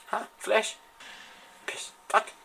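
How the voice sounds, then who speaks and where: While playing a shooter game, a man gives excitable live commentary, swearing and trash-talking his opponents.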